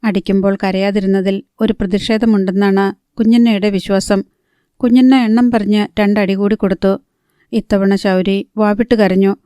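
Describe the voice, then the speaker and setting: Female audiobook narrator, steady and mellow, dry close sound. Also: mid-range voice, smooth, no echo. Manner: steady, even storytelling. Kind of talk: scripted novel narration.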